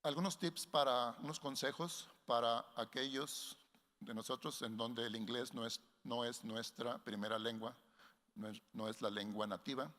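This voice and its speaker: A man giving a workshop lecture to researchers in a measured way, often restarting phrases and linking ideas with "entonces". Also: mid-range voice, a bit bright. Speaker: workshop instructor. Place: conference hall. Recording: long hall reverb.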